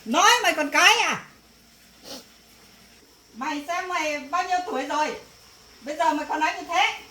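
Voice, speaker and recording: A woman playing an angry scolding mother. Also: high-pitched. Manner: scolding, shouting bursts. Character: angry rural mother scolding her daughter. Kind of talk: family drama acting. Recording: echoey, from far off, faint noise.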